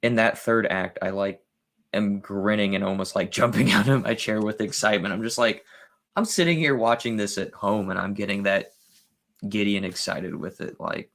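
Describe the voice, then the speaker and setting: A man appearing as a guest movie reviewer in a casual chat, talking eagerly and excitably about films. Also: lowish voice, normal speed, vocal fry.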